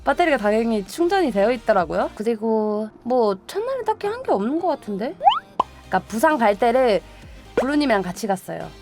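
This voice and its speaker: A young woman streamer tells stories to her viewers in casual chat, animated and laughing often as she acts out other people's voices. Her voice is a little high and brisk, and music plays underneath.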